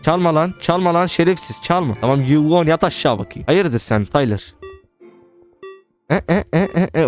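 A young man giving casual gameplay commentary, excitable, repeating words in quick bursts and swearing now and then. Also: a little high. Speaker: gaming YouTuber.

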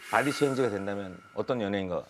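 A man's voice: on the low side, fast talker, noisy background. A man hosting a variety talk show, asking guests playful questions in casual chat. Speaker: host.

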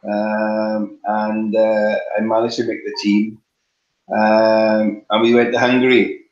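On a casual video call, a middle-aged Welsh competition flyer talks from the couch in his living room. His voice is low-leaning and monotone, and he takes it slowly, with frequent ums and restarts. The webcam recording has a roomy, dull lo-fi sound.

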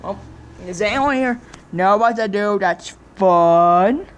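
A woman performing an improvised toy skit, voicing every character herself and jumping between squeaky high voices and low mutters. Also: slow pace, noisy background.

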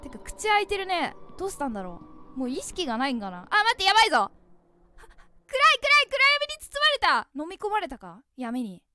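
Lively high-voiced woman reacting to horror game. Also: quick pace. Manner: animated, jumpy, refers to herself by name. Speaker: game streamer. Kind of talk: horror game let's play commentary.

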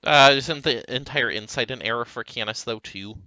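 A man's voice: mid-range voice, moderate pace, pushed and bright, poor audio. A man playing an online game with friends, making dry, joking remarks. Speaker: game player. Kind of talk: casual gaming chat.

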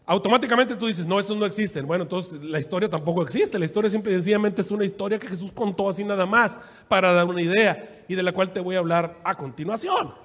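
A man preaching a sermon as a pastor, an animated storyteller who acts out scenes and often restarts his sentences. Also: sits high, fast talker, in a large hall.

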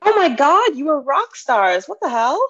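A woman's voice: medium pitch, animated, unhurried, vocal fry, a little mellow, highs cut off. A woman reading the part of a sassy, confident young woman singer at a script read-through. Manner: sassy, cutting.

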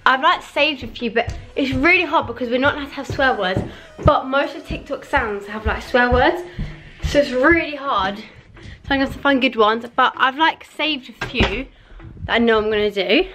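British woman, vlogger, talky and excitable; faint music bed. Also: high-pitched, moderate pace. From Britain. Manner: chatty, filler-heavy, excitable. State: out of breath. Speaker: vlogger, mum. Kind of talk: casual vlog talk to camera.

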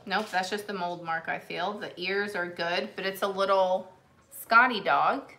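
A woman's voice: medium pitch, measured pace, bright, forceful tone, a little hiss or hum. A middle-aged woman hosting a live vintage sale, chatty and rambling, running the show in casual talk. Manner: rambling, chatty, takes over the conversation. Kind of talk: casual live-stream selling chat.

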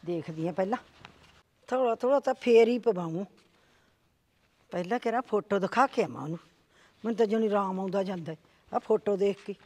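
A woman's voice: mid-range voice, fairly quick, long pauses, mellow. A middle-aged woman acting in a village short drama, lamenting and scolding dramatically as she spreads gossip.

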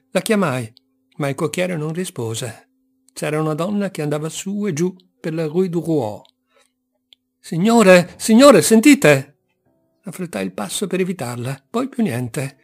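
A man narrates a literary tale in a theatrical reading, his fairly high voice carrying a gravelly rasp. He sinks into near-murmurs, then surges into loud, forceful outbursts. Soft music plays faintly behind him. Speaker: audiobook reader.

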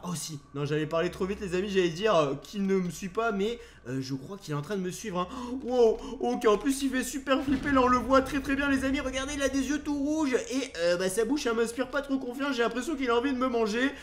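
High-voiced young man, dramatic gaming commentary. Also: fairly quick, few pauses. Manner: theatrical, easily alarmed. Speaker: Minecraft video host. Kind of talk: dramatised gameplay commentary addressed to viewers.

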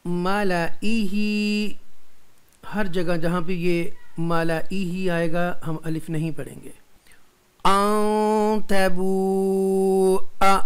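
Slow, deliberate Pakistani man teaching. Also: high-pitched, clear, resonant tone. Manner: slow and deliberate, drawing out each word; mixes English and Hindi-Urdu, checking in with "right?". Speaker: Quran teacher. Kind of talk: recorded online lesson.

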